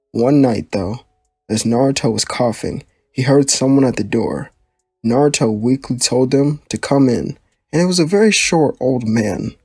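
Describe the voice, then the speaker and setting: Husky young man reading fan fiction. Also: mid-range voice, a little mellow, no echo, clean studio sound. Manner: casual, plain storytelling delivery. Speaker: fan-fiction narrator and channel host. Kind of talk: reading a fan story aloud.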